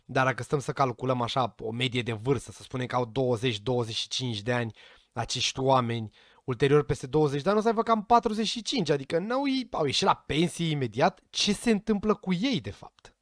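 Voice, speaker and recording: A man's voice: mid-range voice, animated, no echo, studio quality. A man giving casual commentary to his viewers, chatty and speculative, sometimes tripping over names. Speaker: vlogger reacting to a series trailer.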